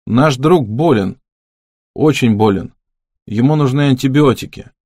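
Brief: level-headed woman leader, even and practical, as a male narrator voices her; dry close sound. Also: mid-range voice, unhurried, dry recording. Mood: calm. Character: woman leading a group, calm and practical.

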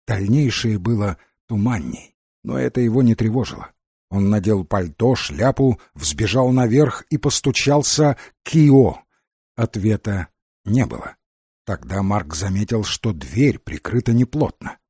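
A male audiobook narrator with a husky voice reads in an expressive, dramatic way. His pitch moves a lot across phrases. The recording is dry and close. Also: unhurried, no echo. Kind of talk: scripted narration.

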